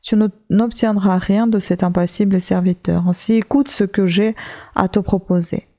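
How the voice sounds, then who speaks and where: Stubborn old professor guy, bossy and pushy, low dark tone, a woman reading him out. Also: steady tone, moderate pace, close to an everyday voice. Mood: insistent. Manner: insistent, commanding. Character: stubborn obsessive old male professor, harsh.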